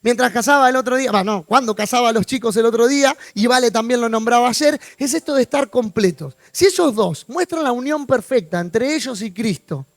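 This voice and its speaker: A man's voice: extremely high pitch, no echo, studio quality. A man with a Rioplatense accent, preaching as a pastor in an informal, conversational way, asking his congregation questions and slipping in jokes. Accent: Rioplatense Spanish. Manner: informal, asks the congregation questions, joking asides. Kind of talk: conversational sermon. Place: church.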